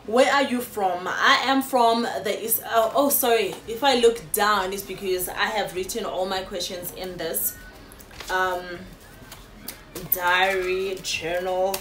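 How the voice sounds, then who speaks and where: South African woman, late 20s, unhurried YouTube Q&A chat to camera, echoey room, faint music behind. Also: mid-range voice, steady tone. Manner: chatty, warm-hearted address to viewers, frequent fillers. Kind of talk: casual Q&A vlog. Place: indoors on a sofa in a small room. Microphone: phone camera.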